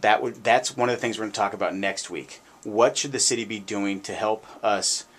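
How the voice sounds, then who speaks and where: A realtor hosting a talk radio show delivers emphatic, conversational commentary and often repeats his points. His voice is lowish and fairly bright, and he talks a little fast.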